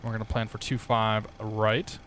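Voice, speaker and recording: A man's voice: fairly low pitch, completely flat delivery, normal speed, a bit bright, a little hiss or hum. A young man streaming a flight simulator, chatting casually with viewers, laughing and swearing now and then. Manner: laid-back, swears casually, laughs often. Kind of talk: casual livestream chat with viewers.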